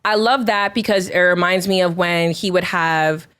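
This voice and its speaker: A woman's voice: lowish voice, normal speed, fairly bright tone, clear, resonant tone. A woman guest on a podcast, talking casually and enthusiastically and laughing often. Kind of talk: casual chat.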